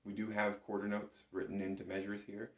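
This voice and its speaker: A man gives a step-by-step bagpipe lesson in a fairly low, monotone voice, keeping a brisk pace. Though brisk, he remains informal, patient, and encouraging, and the room sounds echoey.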